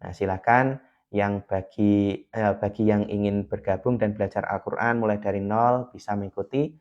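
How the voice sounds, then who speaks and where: A man's voice: on the low side, darkish tone, highs cut off. A man teaching beginners to read the Quran on a live stream, patient and repeating key points, at times chanting syllables in a melody.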